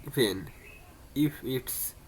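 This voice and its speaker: A man's voice: mid-range voice, slow, a little hiss or hum. A man hosting his own channel, teaching English in a casual spoken lesson, often restarting and repeating words. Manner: repetitive, many restarts and stumbles.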